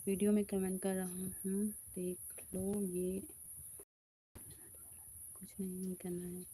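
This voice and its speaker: A woman hosting a casual live stream in a quiet back room of a house, chatting and answering viewer comments. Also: mid-range voice, monotone, slow pace, a little hiss or hum.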